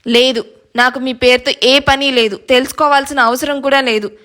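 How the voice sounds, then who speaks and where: Woman doing a sharp young woman, snappy, high bright voice, storybook audio. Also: fairly even intonation, moderate pace. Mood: annoyed. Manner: snappy, irritated. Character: sharp-tongued young woman, easily annoyed.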